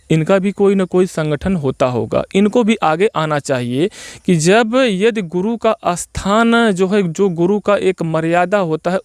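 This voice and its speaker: A man giving spoken opinion commentary as a video host, arguing his case point by point and pausing often on repeated filler phrases. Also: high-pitched, darkish tone, no room sound, clean studio sound. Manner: argumentative, explains point by point.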